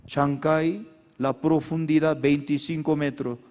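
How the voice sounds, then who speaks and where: The preacher's voice is on the high side yet darkish, steady in tone and unhurried, as he addresses his congregation in basic, non-native Spanish. He prompts them to repeat his lines and raise their hands, and the echoey hall colors the sound.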